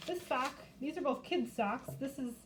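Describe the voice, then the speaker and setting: This library storytime host speaks in a high-sitting voice at normal speed, with noise in the background. She reads a picture book to kids and walks them through a craft in simple, child-friendly language.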